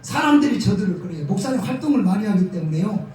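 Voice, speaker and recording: Shouting folksy pastor in echoey hall. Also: male voice, high-pitched, lively intonation, fast talker. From Jeolla, South Korea. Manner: folksy, humorous, swings into loud shouting bursts. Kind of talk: sermon. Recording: echoey hall, distant mic, faint noise.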